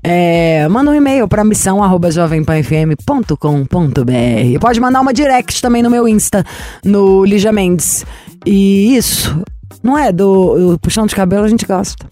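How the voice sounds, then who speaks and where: A woman's voice: medium pitch, animated, normal speed, warm tone. A woman from Brazil, hosting a radio show with brash, teasing, playful banter. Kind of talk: bantering casual radio chat.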